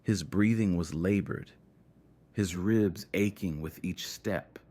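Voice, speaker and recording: A man's voice: low-pitched, takes it slowly, darkish tone. A man narrating a scripted dramatic story.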